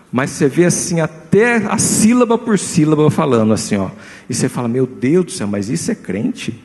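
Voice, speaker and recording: A Brazilian man preaching a sermon as pastor, his voice sitting a little high for a man. He keeps turning to the congregation with quick rhetorical questions. The sound carries a long hall reverb from the church. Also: darkish tone. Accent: Brazilian Portuguese.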